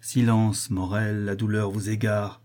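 A man voicing a calm, kindly noble protector who speaks softly and gently in a storybook reading. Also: fairly low pitch, measured pace, breathy edge. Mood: gentle.

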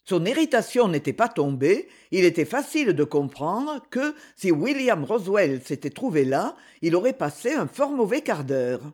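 An audiobook narrator reading a romance novel with expressive delivery. The voice sits in a middle pitch and rises and falls in a lively way. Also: normal speed, hardly any pauses.

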